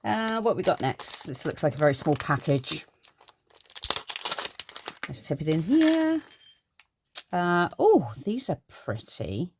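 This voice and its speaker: Low-voiced chatty woman. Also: very animated, slow, pauses often, noisy background. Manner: chatty and gushing, rambling asides. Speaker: craft vlogger. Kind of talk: casual haul chat. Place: garden craft room.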